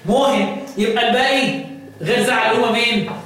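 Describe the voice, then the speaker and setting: High-voiced Egyptian teacher in an echoey room. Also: male voice, a crowd in the background. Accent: Egyptian Arabic. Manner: quizzing students with repeated questions; slow chanting of verses. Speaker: Quran recitation teacher. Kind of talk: Egyptian Arabic lesson on Quranic readings. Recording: echoey room, distant mic, faint noise.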